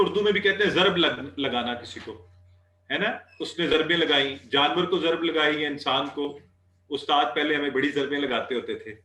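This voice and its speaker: A man teaching an Arabic class, patiently repeating words slowly for students to drill. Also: a little high, pushed and bright, reverberant. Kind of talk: online class lesson.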